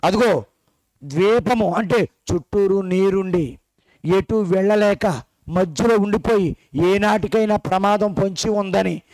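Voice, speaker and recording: A man's voice: sits high, unhurried, darkish tone, dry recording. A man preaching a sermon at a gospel meeting, putting questions straight to the congregation and teasing them. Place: church meeting hall.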